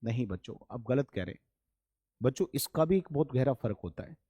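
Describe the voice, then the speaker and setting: A man's voice: medium pitch, lively intonation, fairly quick, warm tone, husky, no echo, clean studio sound. A man teaching an English grammar lesson, patient and repeating key points while addressing his students as children, with an Indian accent. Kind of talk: classroom-style grammar lesson.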